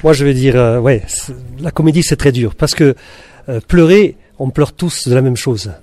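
Un acteur qui parle de son travail sur un film, simplement, en hésitant un peu. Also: male voice, mid-range voice, normal speed, dark tone. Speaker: actor. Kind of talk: press interview.

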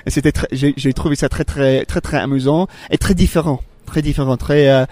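Halting male actor guest. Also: medium pitch, fairly even intonation, mellow. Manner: halting non-native speech with many repeats and searching for words. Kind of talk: casual studio interview.

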